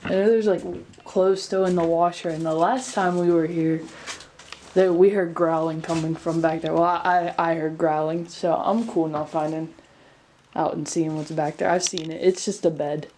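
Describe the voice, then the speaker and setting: Filming on a handheld camera amid loud background noise and poor audio, a young woman explores an abandoned amusement park, inside its buildings and out in the woods. Her voice is lowish and steady at a moderate pace, and her talk is chatty, filler-heavy and trailing, with whispered asides.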